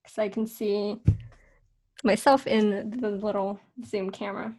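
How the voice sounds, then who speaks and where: A young woman teaching a casual drawing lesson, talking in a relaxed, chatty way with fillers and self-corrections. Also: mid-range voice, a little slow. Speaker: art instructor.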